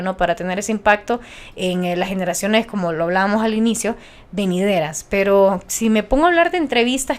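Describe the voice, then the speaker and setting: Animated Honduran woman radio announcer. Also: mid-range voice. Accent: Honduran Spanish. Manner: animated, passionate, many restarts. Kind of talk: casual interview chat.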